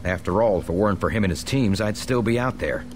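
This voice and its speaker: An actor playing an eager, respectful American soldier in a video game, chatty and deferential. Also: male voice, fairly low pitch, lively intonation, quick pace, a little hiss or hum, close to an everyday voice. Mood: earnest, upbeat. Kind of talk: video game cutscene acting.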